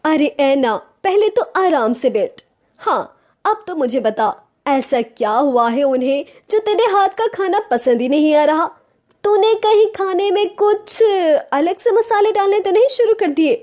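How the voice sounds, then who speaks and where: A woman's voice: very high-pitched, expressive, a little slow, darkish tone, pitched above the performer's own voice. A woman playing a soothing young friend. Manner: soothing, chatty.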